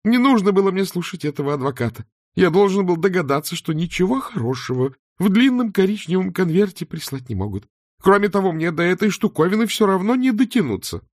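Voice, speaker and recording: A fussy, easily frightened vampire count squeals in a high, jumpy voice, as a male narrator puts him on. He grumbles and protests at every turn. The recording is close and dry. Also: big pitch swings, a little fast, no room sound. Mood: whiny. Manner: whiny, complaining, easily scared.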